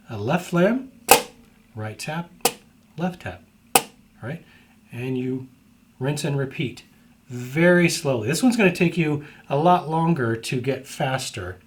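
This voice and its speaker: A middle-aged man teaching drum technique in an instructional lesson, explaining step by step and often checking in with the listener. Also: medium pitch. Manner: explanatory, repeatedly checks in with "right?".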